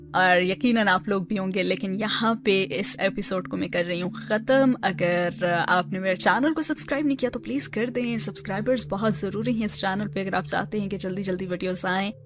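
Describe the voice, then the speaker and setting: A woman narrating scenes from a novel, then chatting casually about the story as the channel's host. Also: medium pitch. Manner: relaxed, chatty commentary. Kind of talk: novel reading and review. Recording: narration over background music. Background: background music.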